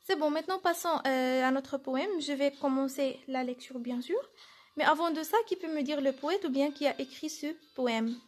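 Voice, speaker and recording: A woman's voice: high voice, normal speed. A woman teacher giving a lesson, explaining step by step and answering her own questions. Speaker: French teacher. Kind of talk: classroom lesson.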